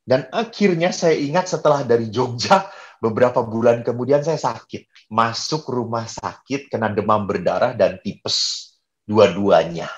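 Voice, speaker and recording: Priest giving a sermon, tells funny stories about himself, does little voices for the people in them. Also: male voice, medium pitch, a little slow, muffled recording. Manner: storytelling with humor, acts out quoted voices.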